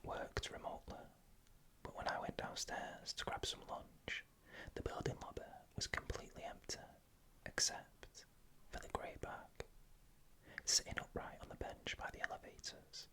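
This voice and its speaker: A narrator telling scary first-person stories in an unvoiced, breathy ASMR whisper, with slow, deliberate phrasing. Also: pushed and bright.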